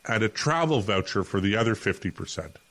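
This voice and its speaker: A man's voice: lowish voice, animated, fairly quick, gravelly, a bit bright. A Canadian man co-hosting a talk podcast, telling a rambling anecdote full of restarts and fillers. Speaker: podcast co-host.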